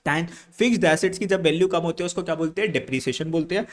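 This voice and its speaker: A male teacher giving an energetic lesson. He keeps putting questions to the class, answers them himself, and addresses the students as brother or child. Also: on the high side, quick pace. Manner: banters with students, calling them "bhai" and "beta". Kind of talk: energetic classroom-style lecture. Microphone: microphone he points to as an example.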